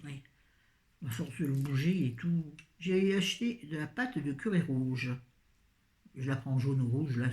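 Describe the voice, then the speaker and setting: A woman's voice: low-pitched, mellow. Tired, rambling woman in an echoey room. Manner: scattered, rambling, self-mocking. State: tired, voice fading. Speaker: vlogger. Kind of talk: casual shopping haul chat. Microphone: phone.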